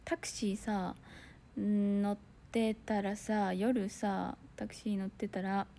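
A young woman chatting casually on a solo livestream, reading viewer comments and telling a story with loud outbursts and hushed asides. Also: medium pitch, level tone, slow, creaky, slight background noise. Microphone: phone or computer mic on a solo livestream.

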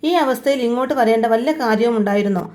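A woman's voice: fairly high pitch, fast, a little mellow, natural voice. A woman voicing a protective, worried middle-aged mother who pleads anxiously.

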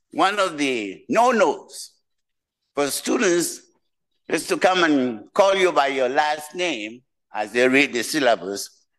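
An older man, who grew up outside the United States, gives a keynote speech from a podium in a lecture hall, telling a personal story slowly with pauses. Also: fairly high pitch, fairly bright tone. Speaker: keynote speaker.

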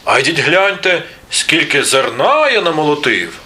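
A man's voice: fairly high pitch, sing-song, slow pace, sharp tone, voice pushed up, heavily acted. A man voicing a hardworking, patient rooster in a storybook tale, calling out and coaxing.

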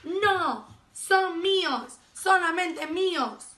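Grumpy cartoonish ladybug, loud and high, a woman doing the voice; distant, roomy sound. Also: expressive, slow pace, exaggerated voice. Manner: shouting, loud and shrill. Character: grumpy bossy little female ladybug. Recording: echoey room, voice from far off.

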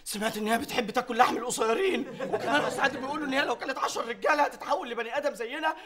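Nervous young café worker, Egyptian accent, very high voice, rapid talk, sitcom laugh track. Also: male voice, a crowd in the background. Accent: Egyptian Arabic. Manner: timid, scared and naive. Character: jumpy, gullible young male café worker. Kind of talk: sitcom acting.

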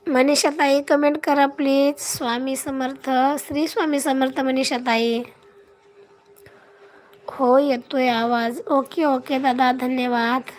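A woman with a Marathi accent, hoarse from a cough, hosting a casual live stream and greeting and thanking her viewers by name. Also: high-pitched, steady tone, takes it slowly.

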